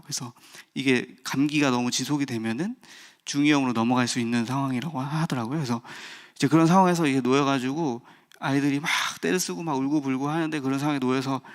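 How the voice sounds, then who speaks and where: A man in his thirties, a pastor giving an early-morning sermon, speaking candidly and personally with many fillers and restarts. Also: mid-range voice.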